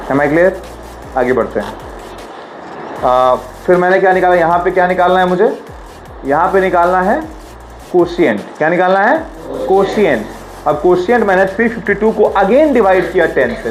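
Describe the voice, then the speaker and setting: सवाल दोहराता हुआ हिंदी-अंग्रेज़ी शिक्षक. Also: male voice, high-pitched, low-quality recording. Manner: quizzing, repeats questions, drills pronunciation. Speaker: teacher. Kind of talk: classroom lecture.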